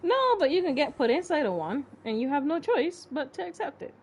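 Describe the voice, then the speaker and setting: A woman's voice: high voice, very animated, a little fast, darkish tone, highs cut off. A woman streamer giving casual game commentary in a teasing, blunt, reactive way. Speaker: gaming streamer.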